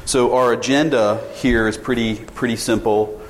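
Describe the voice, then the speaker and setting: A man in his forties, a sales director, presents casually to a conference audience at a normal speed, his mid-range voice fairly even in intonation. Many of his sentences restart, and he regularly asks the room questions. The session room is a reverberant hall with faint ambience and slight background noise, recorded through a tethered mic.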